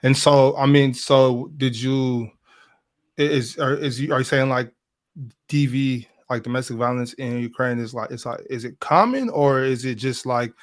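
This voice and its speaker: A man's voice: mid-range voice, moderate pace. Male host, casual interviewer, hesitant and rambling delivery. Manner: hesitant, lots of ums and restarts. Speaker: podcast host.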